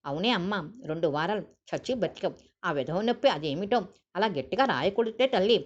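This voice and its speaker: A woman's voice: on the low side, animated, a little fast. A woman voicing an emotional, devout old grandmother who talks with fervent affection, on a dull lo-fi recording.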